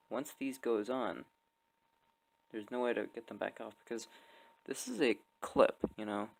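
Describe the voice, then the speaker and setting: Gravelly excitable man building a model. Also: mid-range voice, rough recording. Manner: excitable, laughs often, apologetic. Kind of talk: casual hands-on vlog narration. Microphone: phone camera on a stand.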